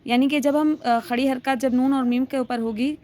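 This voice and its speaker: A woman's voice: high-pitched, steady tone, normal speed, mellow, slight background noise. A woman teaching a reading lesson step by step, patiently sounding out letters and stretching the vowels, often checking in as she goes. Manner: keeps checking in with "theek hai".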